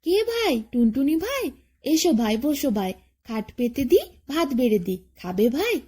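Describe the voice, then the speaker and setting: A woman's voice: high voice, big pitch swings, a little slow, mellow, breathy edge, full character voice. A woman doing a bold little mosquito. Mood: eager. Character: friendly mosquito, bold and eager to fight.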